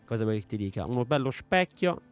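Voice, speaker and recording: A man's voice: medium pitch, big pitch swings, a little fast, clean tone, soft background music. A young man commenting casually while playing a game, joking, talking to himself and swearing freely. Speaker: gaming video creator. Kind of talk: let's play commentary.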